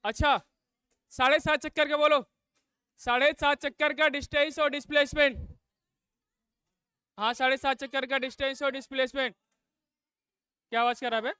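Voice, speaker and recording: A male teacher runs a live classroom lesson. His voice is very high and bright, and it comes through dry and close. He drills students with repeated questions and snaps at whoever talks. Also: level tone, moderate pace, long pauses, dry recording. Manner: drills class with call-and-response questions, scolds noisy students.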